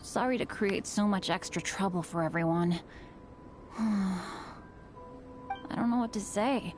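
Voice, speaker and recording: A woman's voice: mid-range voice, slow pace, close to an everyday voice. A woman voicing an earnest, unlucky young boy adventurer in an anime game, apologetic yet hopeful. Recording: music behind the voice.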